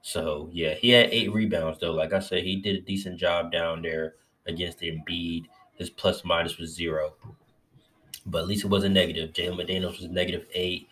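Man, very low voice, casual fan recap, profane and excitable, getting over covid. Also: moderate pace. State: recovering from covid, a little lightheaded. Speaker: sports fan vlogger.

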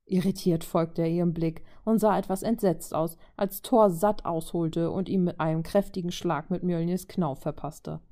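Lady reading fanfic out loud, lowish dark mellow voice, steady. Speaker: reader. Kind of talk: reading fan fiction aloud.

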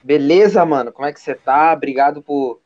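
A man's voice: a little high, a little fast, darkish tone. A Brazilian man hosting a live podcast stream in informal, slangy chat. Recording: dull lo-fi sound.

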